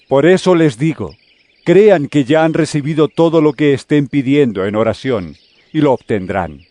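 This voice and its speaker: An actor playing Jesus as an earnest, firm teacher with solemn, declamatory delivery in a scripture audio drama. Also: male voice, fairly high pitch, normal speed, warm tone, no room sound, natural voice. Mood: earnest teaching. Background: music.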